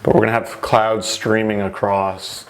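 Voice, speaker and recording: Gravelly male TV-style painting instructor. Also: on the low side, level tone, normal speed, slight background noise. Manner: informal, narrates each step while working.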